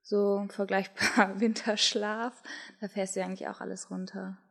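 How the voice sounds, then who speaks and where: A young German-speaking woman in casual conversation, telling a race story in a relaxed way with frequent fillers. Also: mid-range voice, normal speed, vocal fry. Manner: relaxed, thinking aloud with fillers. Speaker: podcast co-host, triathlete.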